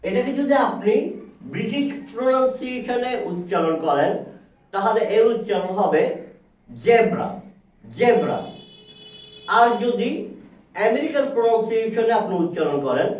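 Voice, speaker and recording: A man teaching a pronunciation lesson at a board, speaking slowly and deliberately and repeating key words. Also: sits high, expressive, darkish tone, lo-fi sound. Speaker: English teacher. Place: classroom with a board. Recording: echoey room, distant mic.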